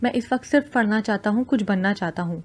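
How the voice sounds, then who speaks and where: A woman's voice: medium pitch, close to an everyday voice. A woman voicing a curt, aloof young male student who speaks brusquely and impatiently.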